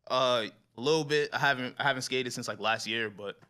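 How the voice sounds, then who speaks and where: A man in his twenties, a rapper guest chatting casually in a slangy, laid-back way that trails off quietly. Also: mid-range voice, brisk, clean tone. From New York. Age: 20s. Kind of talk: casual interview chat.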